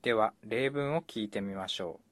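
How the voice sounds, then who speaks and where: A man narrating a scripted language lesson in a measured, explanatory way. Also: on the low side, a bit bright, no echo.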